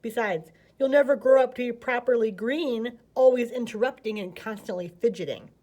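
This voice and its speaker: A woman's voice: fairly high pitch, normal speed, warm tone, close to an everyday voice. A woman voicing a nervous older male python who complains and nags, for a children's storybook. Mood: annoyed. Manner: complaining, nagging.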